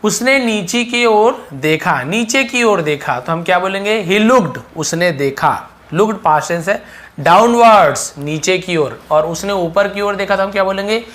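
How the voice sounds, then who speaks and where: A man's voice: sits high, animated, a bit bright. Male English teacher drilling phrases. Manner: says example sentences slowly and clearly, explains quickly. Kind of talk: spoken English lesson.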